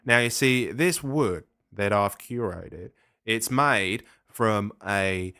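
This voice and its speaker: A man voicing a boastful Australian salesman who buries chimpanzees, rambling through made-up chemistry in a low, bright voice. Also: slow, smooth, no room sound, studio quality, heavily acted. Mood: bluffing salesman. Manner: rambling, sales-pitch bluster with fake chemistry.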